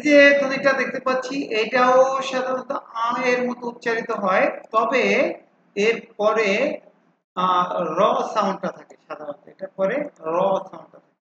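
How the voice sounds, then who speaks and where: A man whose voice sits high and sounds fairly bright explains a phonics lesson vowel by vowel, repeating the sounds over and over for practice and using some English terms. The echoey, dull lo-fi recording carries a little hiss or hum.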